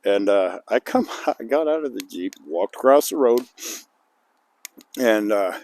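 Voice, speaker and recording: An older man telling a rambling outdoor story to the camera in a folksy way, chuckling between lines, recorded outside on a calm, cold day. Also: fairly low pitch, measured pace. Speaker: outdoor vlogger.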